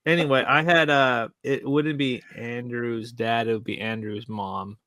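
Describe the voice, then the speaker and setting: A man's voice: medium pitch, fairly even intonation, measured pace, bright, forceful tone, no room sound. A man co-hosting a movie podcast in casual chat, joking and acting out lines. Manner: jokey, acts out lines in a raised voice. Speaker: podcast co-host.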